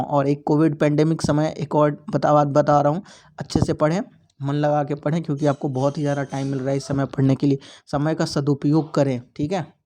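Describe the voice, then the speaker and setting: A man's voice: on the high side, dark tone. A young man teaching biology, walking through exam questions and mixing English terms into his explanations.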